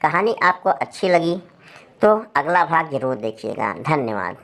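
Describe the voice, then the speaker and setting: Low-voiced woman narrating a story. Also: lively intonation, normal speed, fairly bright tone.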